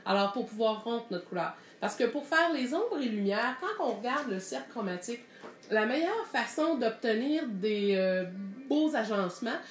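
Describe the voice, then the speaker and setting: A woman's voice: fairly high pitch, echoey room. A woman with a Québécois French accent teaching a live painting lesson, thinking aloud in a chatty way as she mixes colors.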